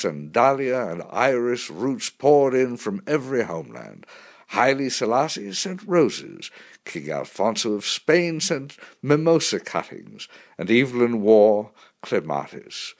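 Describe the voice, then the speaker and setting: A man narrating a first-person memoir in an expressive, vivid storytelling manner. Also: medium pitch.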